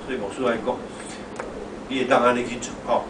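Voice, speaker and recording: A man's voice: mid-range voice, flat delivery, quick pace. Echoey Taiwanese Hokkien-accented man preaching. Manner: conversational, exhorting, repeats phrases, frequent "hoh" tags. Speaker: pastor preaching. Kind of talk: informal sermon. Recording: echoey hall, distant mic, noisy background.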